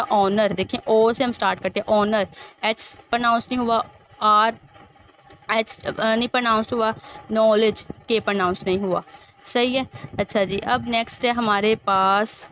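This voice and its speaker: A woman teacher giving a grammar lesson. She reads English text slowly, then explains it in Hindustani, patiently repeating key words. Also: on the high side, fairly bright tone, a little hiss or hum.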